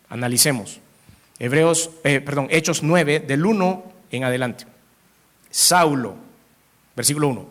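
A man's voice: on the high side, fairly bright tone. A man preaching a sermon, reading scripture aloud and asking the congregation questions, with sudden emphatic rises. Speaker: pastor.

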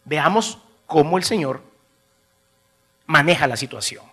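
A man preaching a sermon in an animated way, asking his congregation questions and chuckling between phrases. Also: fairly high pitch, measured pace, slightly rough.

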